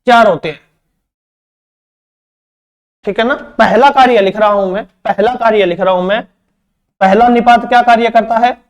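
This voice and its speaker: A man's voice: high-pitched, normal speed, pauses often. A man teaching an exam-prep grammar lesson, repeating each phrase and asking and answering his own questions. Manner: addresses students as "beta".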